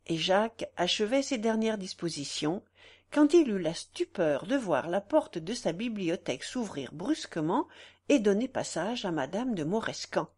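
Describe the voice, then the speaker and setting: A woman narrating a classic novel as an audiobook, measured and even. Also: medium pitch, slightly rough.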